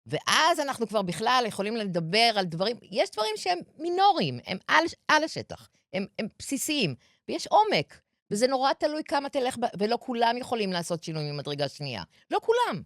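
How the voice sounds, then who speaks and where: Lively-voiced woman counselor explaining. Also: on the high side, no echo, clean studio sound. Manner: explains in a lecturing way, acts out quoted spouses. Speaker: couples and family counselor. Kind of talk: podcast conversation.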